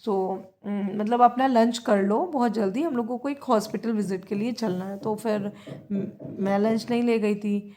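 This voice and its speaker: A young Indian woman talks into a handheld phone camera about her day. Her voice sits at an ordinary middle pitch, and her chatty delivery keeps stopping to fix and reword her own phrases. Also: unhurried, mellow. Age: 20s. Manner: chatty, self-correcting, mixes in English phrases. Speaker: vlogger. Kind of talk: casual diary vlog.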